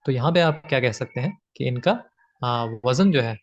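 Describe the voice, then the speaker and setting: A man's voice: mid-range voice, normal speed. A man teaching grammar from slides, patiently repeating his points with frequent fillers. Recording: slightly dull lo-fi audio.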